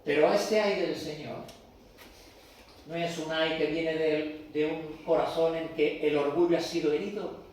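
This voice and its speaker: A man preaching a sermon, swinging from loud, impassioned proclamations to hushed, intimate asides. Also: on the high side, fairly even intonation, measured pace, slight background noise. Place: church. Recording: echoey church from far off.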